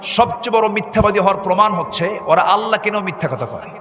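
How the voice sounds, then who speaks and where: A man preaching a Bengali waz with a Bangladeshi accent, asking the crowd rhetorical questions and breaking into chanted Arabic. His voice is bright and forceful. It rings through a roomy, echoing hall. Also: high-pitched, expressive, quick pace. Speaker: Islamic preacher. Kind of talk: Bengali waz sermon storytelling. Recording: echoey hall with faint music.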